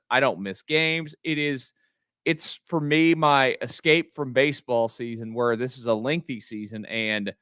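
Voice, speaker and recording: A man's voice: medium pitch, a bit bright, clean tone, dry recording, studio quality. A middle-aged man hosting a post-game sports podcast, ranting in an exasperated, emphatic way and restarting his sentences often.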